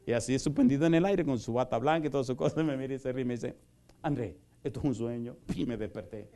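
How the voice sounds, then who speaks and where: A middle-aged male pastor preaching an evangelistic sermon in a church, firing rhetorical questions and moving from loud preaching to soft pleading. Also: mid-range voice, racing, a little hiss or hum. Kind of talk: evangelistic sermon with altar call. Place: church in Houston, Texas.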